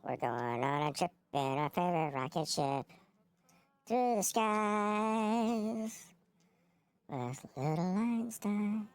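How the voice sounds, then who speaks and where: A man putting on a high chipmunk voice for a chatty cat character while commenting on a game he plays. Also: expressive, slow pace, clean tone, full character voice. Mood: playful. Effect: sped-up high chipmunk-style voice. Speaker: gamer narrating his play. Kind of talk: let's-play commentary.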